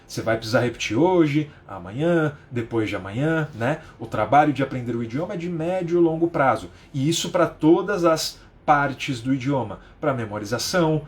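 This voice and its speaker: A man's voice: medium pitch, animated, normal speed, hardly any pauses. Chatty Brazilian-raised man teaching live. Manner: chatty, explains with rhetorical questions and frequent "né?". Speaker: English teacher. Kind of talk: live-streamed lesson. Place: at home.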